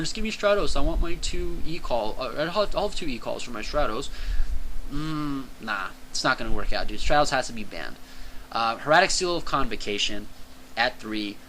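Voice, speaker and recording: A young man talks casually and eagerly for his channel, his voice bright and forward. He rambles with filler words and bursts of enthusiasm. A faint room ambience sits behind him. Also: medium pitch, a little hiss or hum, rough recording. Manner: excitable, chatty, says "dude" and "like" a lot. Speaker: channel host reviewing card game banlist.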